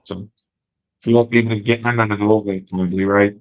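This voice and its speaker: A man's voice: fairly low pitch, steady tone, fast, no echo. A man joining a live stream remotely in casual chat, his voice muffled as if heard through a wall. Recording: muffled lo-fi mic.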